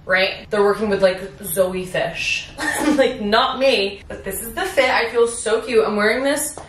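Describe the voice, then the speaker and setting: A young woman vlogging at home, rambling through animated stories with lots of swearing and filler words. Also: mid-range voice, moderate pace, slight background noise. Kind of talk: casual vlog chat. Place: at home in her apartment. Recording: roomy, echoey room.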